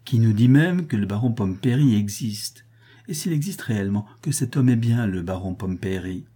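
A man's voice: lowish voice, lively intonation, moderate pace, dark tone, slightly rough. A man reading a lofty, logical detective. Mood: reasoning. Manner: lofty, didactic, reasoning aloud. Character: shrewd, precise male detective, coolly logical. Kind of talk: audiobook reading of a detective novel.

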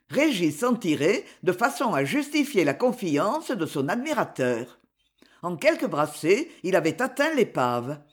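A husky, breathy narrator reading a children's story aloud, the pitch moving lively through each sentence. the delivery is expressive and story-focused.

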